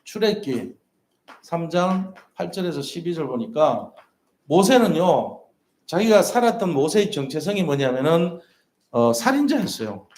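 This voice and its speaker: A man's voice: fairly high pitch, very animated, moderate pace, a little mellow. A male pastor preaching a sermon in a church, earnest and repeating his key points with rhetorical questions. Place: church sanctuary. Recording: roomy church echo.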